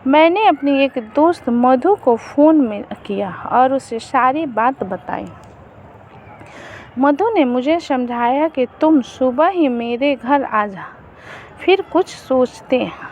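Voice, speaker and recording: A woman telling a story in the first person, earnest and measured, with a high voice and an unhurried pace. The recording is muffled and lo-fi, with a faint hiss underneath. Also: animated, darkish tone.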